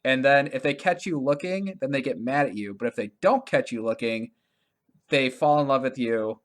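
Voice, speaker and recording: A man with a medium-pitched voice and normal pace co-hosts a podcast, rambling casually about video games and laughing often as he goes.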